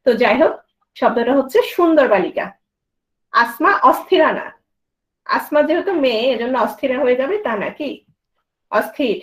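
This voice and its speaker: A woman with a high voice and a Bangladeshi Bengali accent teaches a grammar class. She keeps asking her students questions and then answers them herself. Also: lively intonation, moderate pace, long pauses, poor audio. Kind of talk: grammar lesson.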